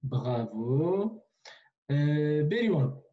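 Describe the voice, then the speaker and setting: A man's voice: fairly high pitch, very animated, very slow, dull audio. A man teaching a language online in a patient way, repeating himself with many fillers and restarts, over a video call.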